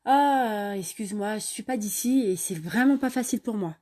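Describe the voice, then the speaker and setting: A woman voicing a young female student who is blunt and quick-tempered, with exasperated sighs. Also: medium pitch, a little mellow, lightly acted. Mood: relieved. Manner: exasperated, sighing. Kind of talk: storytelling voice acting.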